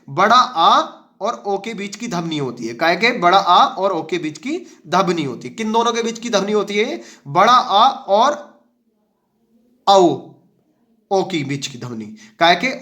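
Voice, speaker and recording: A man's voice: sits high, sharp tone. A male teacher giving an exam-prep lesson, asking the class questions and answering them himself. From India.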